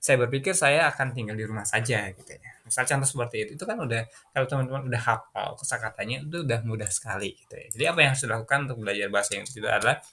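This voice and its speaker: Indonesian male English teacher, bright voice, patient repeat-and-translate delivery. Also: medium pitch, racing. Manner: repeats and translates words, frequent "gitu ya" fillers. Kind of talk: classroom lesson explaining vocabulary.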